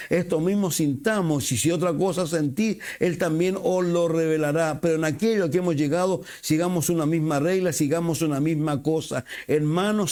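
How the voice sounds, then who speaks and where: A male pastor, preaching a sermon with expressive swings and acted-out quotes. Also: high-pitched. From Chile.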